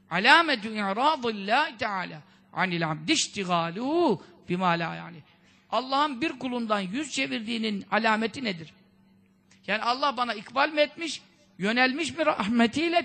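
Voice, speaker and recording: A preacher with a strikingly high, ringing voice delivers a conversational sermon. He scolds his listeners with one rhetorical question after another and drops in Arabic sayings as he goes. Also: bright, forceful tone. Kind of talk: religious sermon talk.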